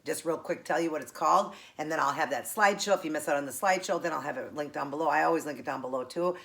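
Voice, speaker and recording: Woman, American, low pitch, tongue piercing, eating show host, casual chat between bites. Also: gravelly, a bit bright. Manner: talking while eating, with pauses to chew.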